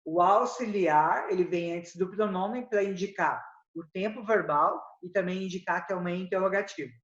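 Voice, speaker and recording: A man with a Brazilian Portuguese accent and a high, fairly bright voice teaches an English grammar lesson step by step, reading English examples slowly. The recording sounds roomy and slightly dull.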